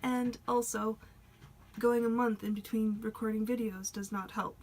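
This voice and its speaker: Chatting casually for her doll hobby vlog, a woman rambles at a moderate pace, soft-spoken and self-conscious, laughing now and then. Her voice is on the high side with fairly even intonation, and it's a bit worn as she loses it.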